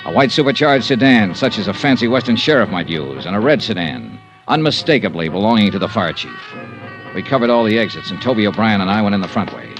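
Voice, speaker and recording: This vintage radio recording, with faint music, features an American man as the tough, terse insurance investigator who leads and narrates a detective serial. He speaks in a clipped, dry, matter-of-fact way, with a lowish voice, lively intonation and a quick pace. The recording is rough.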